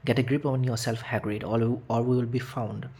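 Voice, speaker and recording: A man voicing a stern older female witch professor who speaks in an urgent, hushed way, in a storybook reading. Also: medium pitch, steady tone, moderate pace, breathy edge.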